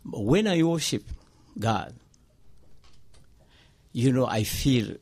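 A man with a Burundian accent speaks non-native English at a slow pace. His voice is husky and moves around in pitch as he explains things in short, simple phrases. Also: lively intonation, a little mellow. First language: not English. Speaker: church choir member. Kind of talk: casual group discussion.

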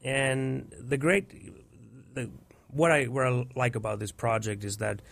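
A man's voice: mid-range voice, fairly even intonation, measured pace, creaky, fairly bright tone, no room sound. A man from Finland, a church music producer thoughtfully answering interview questions. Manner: thoughtful, searching for words.

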